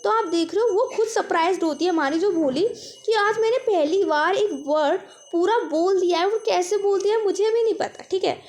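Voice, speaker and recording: A woman's voice: very high voice, normal speed, a little mellow. A young woman teacher explaining a chapter summary patiently, acting out the characters' lines as she goes.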